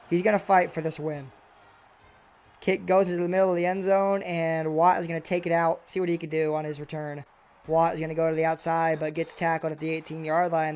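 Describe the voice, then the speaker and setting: A young man calls play-by-play on a video game football match, sounding excitable and slightly raspy. On big plays his voice leaps up high and loud.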